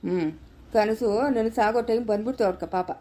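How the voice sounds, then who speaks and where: Woman putting on a gruff older village man, commanding and vengeful, quick, dark tone, Chikkaballapura Kannada. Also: medium pitch, natural voice. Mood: grim. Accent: Kannada, Chikkaballapura area. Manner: commanding, reassuring, threatening. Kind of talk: amateur family village drama.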